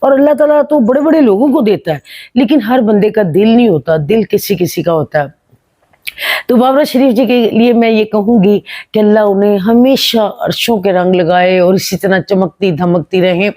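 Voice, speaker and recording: An older woman, an actress reminiscing to camera as a lively storyteller who imitates other people. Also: medium pitch, normal speed, no room sound. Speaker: film actress.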